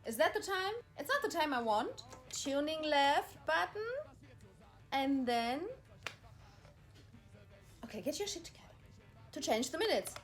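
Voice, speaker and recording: A woman's voice: high voice, very animated, measured pace, long pauses, soft background music. A woman ranting in exasperation as she reads instructions aloud, repeating herself. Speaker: vlogger. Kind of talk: frustrated vlog monologue reading instructions aloud.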